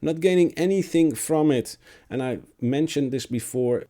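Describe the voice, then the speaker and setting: A man with a cracky, squeaky voice from being sick, reading game patch notes aloud with his own remarks, stumbling here and there. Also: normal speed, dark tone. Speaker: gaming video creator.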